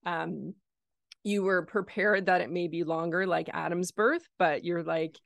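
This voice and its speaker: A woman with a lowish, gravelly voice hosts an interview, affirming her guest and recapping what she heard. The recording is dry and close, with no room sound. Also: steady tone, a little slow, no room sound. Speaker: podcast host. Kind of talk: podcast interview.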